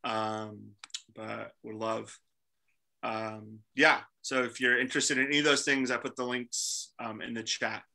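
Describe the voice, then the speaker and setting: Man, 30s, host on a video call; very bright tone, lots of ums. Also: mid-range voice, fairly even intonation, creaky, low-quality recording. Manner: halting, many fillers. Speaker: ministry staff host. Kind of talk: casual video call talk. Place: small room indoors.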